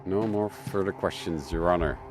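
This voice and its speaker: A man's voice: low-pitched, normal speed, music in the background. A man commenting on a mystery game playthrough in a sarcastic, joking way. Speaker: gamer.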